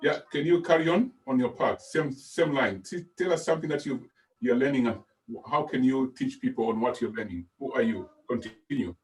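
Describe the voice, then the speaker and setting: Prodding host, heard from a distance. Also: male voice, mid-range voice, normal speed, a little mellow. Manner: prodding, presses guests with questions. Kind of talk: hosting a live video call. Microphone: video call. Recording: distant from the mic.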